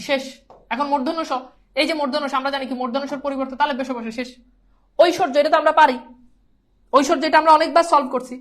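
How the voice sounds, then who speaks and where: Woman, high voice, teacher, repetitive quizzing, pronunciation lesson. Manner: drills by repeating words, quizzing students.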